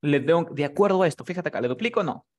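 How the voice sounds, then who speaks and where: A man's voice: fairly high pitch, lively intonation, rapid-fire, a little mellow. Patient man teaching grammar rules. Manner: patient, keeps checking understanding with questions. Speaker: English teacher. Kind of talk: live classroom explanation.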